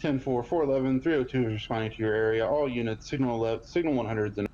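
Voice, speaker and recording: A man playing a police dispatcher over the radio, reading out codes and plates in clipped, measured phrases. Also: mid-range voice, dark tone, dull audio. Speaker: police dispatcher in a roleplay game.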